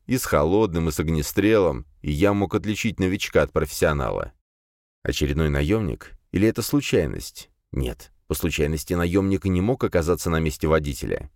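Male audiobook narrator, very deep voice, lively expressive delivery, close dry recording. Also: no room sound.

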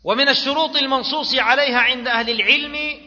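A male religious scholar teaches a classroom lecture on jurisprudence, posing fill-in questions to his students and repeating key words. His very high voice is quick, pushed, and bright. The recording is dull and lo-fi, made in an echoey hall.

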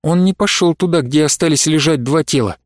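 A man's voice: on the high side, a little fast, no room sound. Man reading a story, dry close sound. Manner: steady storytelling read. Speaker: audiobook narrator. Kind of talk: scripted narration.

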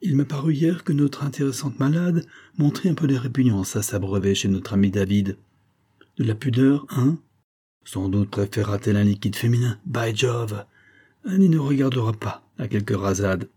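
A man reading an audiobook, voicing a hearty, blustering, excitable male doctor. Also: mid-range voice, moderate pace, husky, close to an everyday voice. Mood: jovial. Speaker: neurologist.

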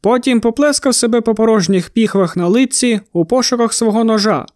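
High-voiced male audiobook narrator. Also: brisk, a little mellow, no echo, studio quality. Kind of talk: scripted first-person narration.

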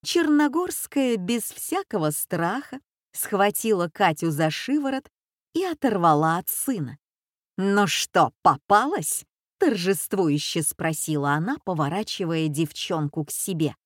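A woman reading a children's story aloud in an expressive, dramatic way. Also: fairly low pitch, unhurried, no echo, studio quality.

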